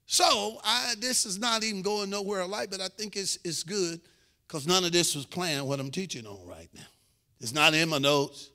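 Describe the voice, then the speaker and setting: A middle-aged pastor preaches to his church. His voice is high and piercing, and he moves from hushed asides to shouted, half-sung lines. He acts out little family quarrels in the voices of the people in them. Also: moderate pace. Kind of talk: sermon.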